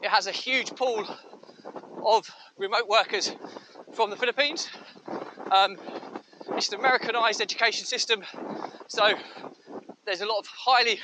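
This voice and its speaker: A man's voice: sits high, steady tone, normal speed, long pauses. A man vlogging while running into a headwind outdoors, giving business advice with frequent ums and uhs, his voice fuzzed by wind distortion on the mic. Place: outdoors, windy.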